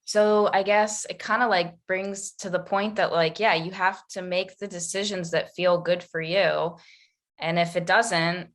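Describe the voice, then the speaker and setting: A woman's voice: lowish voice, fairly even intonation, measured pace, fairly bright tone. A woman hosting a podcast interview, asking easygoing questions with many fillers. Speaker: podcast host. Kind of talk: casual interview chat.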